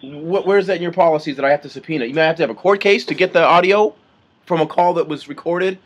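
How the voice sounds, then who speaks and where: A man speaking quickly in a slightly high voice makes an assertive, argumentative complaint over the phone. He's a complaining caller acting as an authorized third-party contact, and he talks informally and indignantly.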